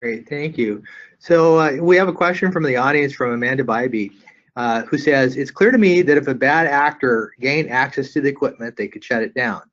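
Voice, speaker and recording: Halting male webinar moderator. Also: mid-range voice, a bit bright, lo-fi sound. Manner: halting, repeats words often.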